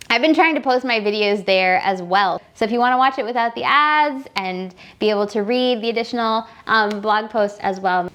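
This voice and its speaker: A woman hosting a casual book vlog talks to viewers with enthusiasm, gushing about books and wandering into asides as she thinks aloud. Her voice is mid-range with a fairly bright tone.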